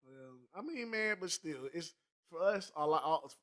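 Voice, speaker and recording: A male podcast co-host in loose conversation, blunt and quick to swear. His voice is fairly high for a man and sharply bright, with lively, animated delivery. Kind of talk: casual chat.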